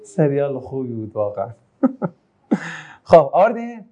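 A man teaching a Quranic lesson to a class, reciting Arabic verses and explaining them, his delivery swinging between quiet asides and raised exclamations. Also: mid-range voice, big pitch swings. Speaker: religious teacher.

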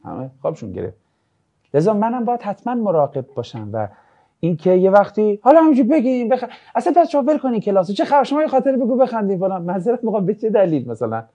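A high-pitched man teaches a religious ethics class, lecturing casually in a lively, jokey way and acting out anecdotes. The audio is dull.

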